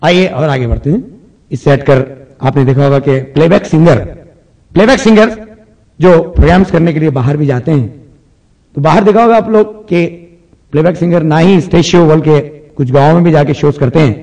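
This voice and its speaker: A man's voice: a little high, brisk, long pauses, mellow, far from the mic. A male comedian telling jokes in a chatty stand-up storytelling manner.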